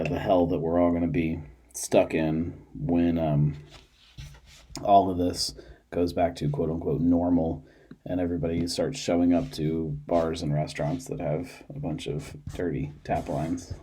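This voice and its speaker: A man's voice: sits low, dark tone, husky. A man hosting a podcast on his own in a small studio, tired and yawning, chatting in a loose, rambling way with lots of fillers and restarts. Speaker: podcast host. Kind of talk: casual solo chat.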